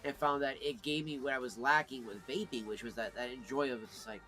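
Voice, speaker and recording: A man's voice: medium pitch, fairly quick, bright, forceful tone. Casual, rambling man livestreaming over music. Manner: informal, rambling, addresses chat as friends. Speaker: livestream host reviewing pipe tobacco.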